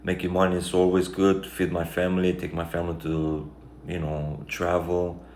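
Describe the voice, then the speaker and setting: Romanian man, low monotone, reflective vlogger, casual chat, roomy sound. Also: moderate pace. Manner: reflective, rambling, many fillers. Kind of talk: casual life-update monologue. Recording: echoey room, faint background noise.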